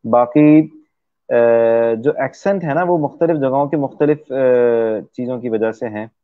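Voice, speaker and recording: A man from Pakistan, a guest in an interview, explaining things at length and pausing often on drawn-out fillers. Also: mid-range voice, no echo. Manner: hesitant, many drawn-out fillers. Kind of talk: explanatory conversation. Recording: dry, tinny phone-like sound.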